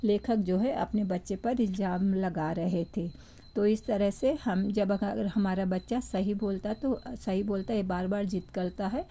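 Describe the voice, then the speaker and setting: A woman's voice: medium pitch, measured pace, dark tone. A woman teacher reading a story aloud and explaining it to students, with small restarts.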